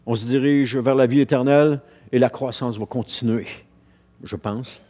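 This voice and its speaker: A man's voice: medium pitch, fairly even intonation, normal speed, mellow. A man with a Quebec French accent preaching a sermon as pastor, earnest, repeating phrases and restarting lines as he goes.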